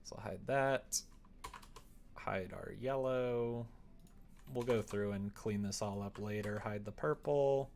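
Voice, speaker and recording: Coding a visual novel on a livestream, this man speaks slowly in a lowish, gravelly, darkish voice. He thinks out loud, mutters to himself about what to do next, and answers viewers casually, with keyboard clatter and faint noise in the background.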